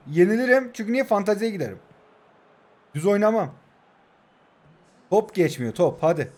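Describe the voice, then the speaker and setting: Here a young Turkish man in his 20s calls his own mobile football game live in a high-pitched, excitable voice. The commentary runs hot, full of encouragement for his players and jabs at the opponent.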